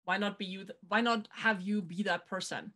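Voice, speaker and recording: A middle-aged German woman hosts a motivational podcast interview over a video call, using her webcam in a home room with a dark backdrop. Her mid-range voice is a bit bright, with fairly even intonation and a moderate pace, and she emphatically repeats her key advice.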